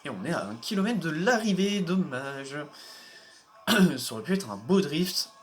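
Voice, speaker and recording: A man's voice: on the high side, big pitch swings, unhurried, faint music behind. A man giving casual, hesitant commentary while playing a racing game, often restarting his sentences and chuckling. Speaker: gaming video host.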